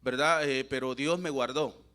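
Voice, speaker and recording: A man's voice: medium pitch, steady tone, a little slow, sharp tone. A middle-aged man with a Central American Spanish accent preaches a sermon in church in an earnest, conversational way. He keeps addressing the congregation as brothers and adds a habitual tag question.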